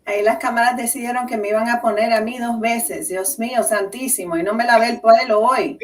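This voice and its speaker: A woman hosts a talk show in a slightly high voice, playful and emphatic as she moves between Spanish and English. She sounds a little distant from the mic. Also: steady tone, fairly quick, slight background noise. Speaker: host. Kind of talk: casual bilingual talk show chat.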